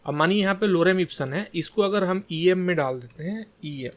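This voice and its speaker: A man's voice: high voice, moderate pace. A man teaching a screen-share coding lesson in Hindi mixed with English tech terms, often checking in with "ठीक है". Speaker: coding tutor.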